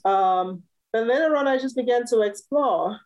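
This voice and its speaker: A woman's voice: a little high, normal speed, darkish tone, low-quality recording. A woman from Cameroon, a musician guest in a casual interview, talking cheerfully and laughing often.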